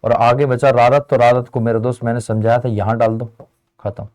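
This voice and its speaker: A man's voice: medium pitch, level tone, a little fast, darkish tone. A young man teaching a lesson in a chatty way, often asking students whether they follow. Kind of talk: classroom lesson.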